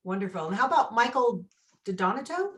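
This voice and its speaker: A woman's voice: fairly high pitch, sing-song, brisk. A woman moderating a video panel of athletes, guiding the questions in an upbeat way. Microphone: video call.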